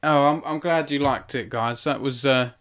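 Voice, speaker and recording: This thirtysomething novelist reads from his book on a live stream, then talks earnestly with viewers from a small room at home. A studio mic stands in front of him and picks up his medium-pitched, slightly bright voice at a moderate pace. His chatting is self-conscious and sincere, full of restarts and fillers.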